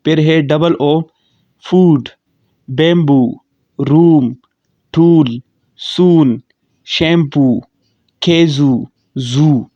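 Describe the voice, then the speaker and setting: A man teaching phonics, calmly explaining definitions and reading word lists. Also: on the high side, no room sound, highs cut off. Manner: slow, deliberate, reads definitions and word lists aloud. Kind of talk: classroom explanation.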